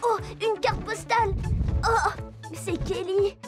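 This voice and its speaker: Speaking at an extremely high pitch in a steady tone, a woman takes her time over music, voicing the cheerful, curious little girl who stars in and narrates a children's cartoon. The character is bright-eyed, inquisitive and enthusiastic, and she travels to visit her animal friends.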